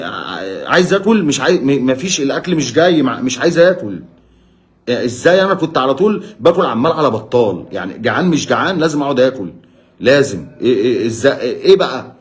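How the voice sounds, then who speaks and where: Egyptian man, mid-pitched, self-filmed phone monologue, pleading, keeps repeating his questions. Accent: Egyptian Arabic. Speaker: diabetic patient sharing his experience. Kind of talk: emotional direct-to-camera monologue. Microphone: phone camera.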